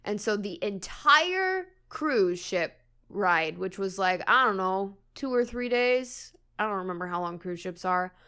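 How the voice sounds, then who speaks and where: A woman's voice: mid-range voice, expressive, unhurried, hardly any pauses, pushed and bright, clean tone. A woman in her twenties co-hosting a podcast, chatting casually, rambling through stories with giggles and plenty of swearing. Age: 20s. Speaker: podcast co-host. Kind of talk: casual chat.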